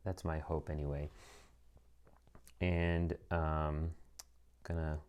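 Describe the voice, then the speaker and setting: A man's voice: extremely low pitch, flat delivery, takes it slowly, darkish tone, smooth. A man reviewing a fountain pen as he unboxes it, chatting casually with lots of ums and some dry sarcasm.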